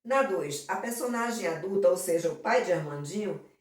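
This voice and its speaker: A woman's voice: lowish voice, expressive, normal speed. A woman teacher going through exam questions, talking affectionately with lots of diminutives and constant check-ins with her students. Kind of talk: exam prep lesson. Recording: very echoey room, mic far off.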